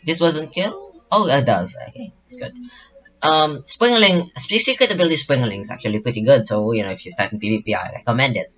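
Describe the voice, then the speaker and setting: A man's voice: medium pitch, lively intonation, a little fast, fairly bright tone, muffled recording. A young man commentating his own online game battle in a casual, rambling way, full of fillers and restarts. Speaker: gaming channel host.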